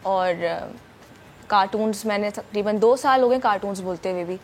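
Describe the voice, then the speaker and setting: A woman's voice: mid-range voice, a little hiss or hum. A young woman from Pakistan, a voice-over artist, chatting eagerly in a morning show interview with many fillers. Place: TV studio.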